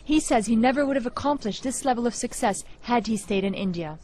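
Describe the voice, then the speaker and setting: Higher-voiced woman news reporter. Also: lively intonation, a little fast, darkish tone. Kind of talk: scripted news narration.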